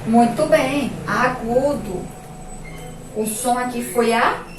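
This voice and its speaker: A Brazilian woman teacher giving a remote lesson to young children, drawing out each word slowly as she pronounces it. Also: fairly high pitch, noisy background. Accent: Brazilian Portuguese. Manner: slow, drawn-out pronunciation of words for children. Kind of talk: remote primary-school lesson. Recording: echoey room, voice from a distance.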